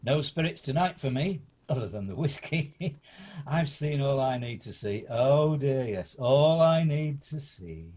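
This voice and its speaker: Mutterings and grumbles come from a man cast as old Ebenezer Scrooge, the gruff miser turned benefactor, in an amateur radio production. His delivery is husky, deliberate, and theatrical, at medium pitch, expressive and a touch mellow.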